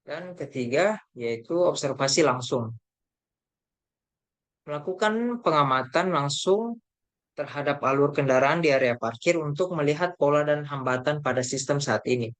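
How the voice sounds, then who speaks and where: A young man, a university student, presenting a group report by reading his slides aloud, with halting delivery, restarts and fillers. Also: on the high side, a bit bright. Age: young adult. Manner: reads haltingly, with self-corrections and fillers.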